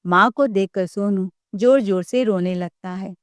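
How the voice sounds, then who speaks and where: Woman, story narrator, measured reading, slow pace, dry sound. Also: medium pitch, dry recording.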